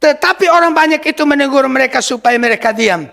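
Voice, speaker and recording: A man's voice: extremely high pitch, fast talker, creaky, a bit bright. A man preaching a sermon as pastor, often asking the congregation questions and pressing his points with emphasis. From Indonesia. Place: church hall. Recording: church hall reverb.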